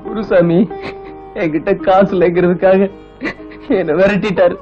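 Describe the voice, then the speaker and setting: A man's voice: sits high, flat delivery, moderate pace, close to an everyday voice. An actor playing a poor, humble male pilgrim on his first trip, pleading and tearful. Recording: dull old film soundtrack. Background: film music.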